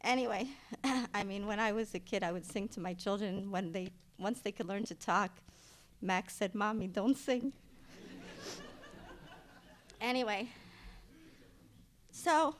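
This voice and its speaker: A middle-aged woman speaks at a funeral, telling stories about her mother. Her delivery rambles, with fillers and false starts, and she grows loud and lively when a story lands. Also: medium pitch, measured pace, pauses often. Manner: grows loud and animated at the punchlines. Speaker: daughter giving a eulogy. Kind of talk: funeral eulogy, personal anecdotes. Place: funeral service.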